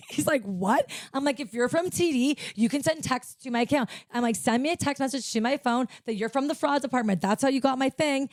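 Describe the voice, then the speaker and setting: A woman's voice: sits high, a little fast, few pauses, no echo, studio quality. A young woman co-hosting a casual podcast, telling a story animatedly and acting out both sides of a phone call. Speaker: podcast co-host. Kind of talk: casual chat.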